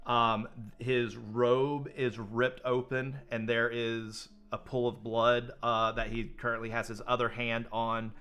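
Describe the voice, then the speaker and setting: A man's voice: mid-range voice, little pitch movement, slow, hardly any pauses, a bit bright, clean tone. A man narrating a tabletop game as game master, hesitant with many fillers.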